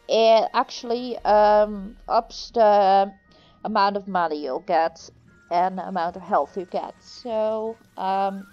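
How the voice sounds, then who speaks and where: A woman's voice: mid-range voice, highs cut off. A woman giving casual gameplay commentary, talking through what she is doing. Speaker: gamer commentator. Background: faint game music.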